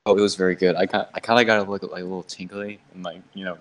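A deep-voiced man riffs through improvised comedy banter in a goofy, rambling way, laughing often. He sits a little back from the mic, so his voice sounds distant. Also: level tone, very fast, fairly bright tone. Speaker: comedic interviewer.

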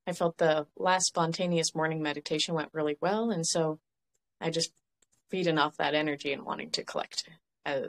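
Soft-spoken woman guiding a meditation. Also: lowish voice. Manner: slow, soothing, unhurried delivery with pauses. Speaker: meditation guide. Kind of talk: spontaneous guided meditation.

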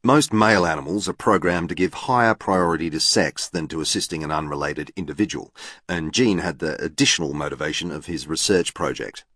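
Deep, dry, deadpan male narrator. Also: a little fast, no room sound. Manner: precise, formal and deadpan. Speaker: audiobook narrator. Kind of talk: first-person novel narration.

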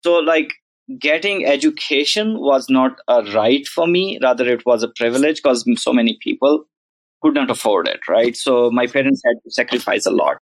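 A man's voice: mid-range voice, normal speed, low-quality recording. A man, a journalism professor telling his story as a podcast guest in an earnest, reflective way. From Pakistan. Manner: earnest, reflective, frequent "like" and "right?".

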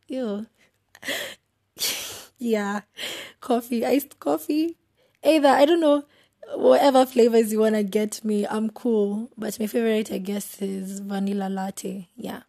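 This young woman hosts a casual solo podcast in a Kenyan accent, her voice a little high and creaky. She's giggly and playful and often trails off into soft asides.

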